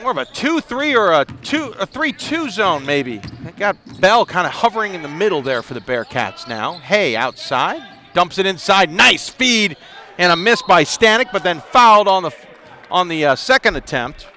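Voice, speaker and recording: Bright high-voiced basketball play-by-play man. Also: sing-song. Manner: quick to laugh, chatty between plays. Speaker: play-by-play commentator. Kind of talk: live basketball commentary. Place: arena broadcast position.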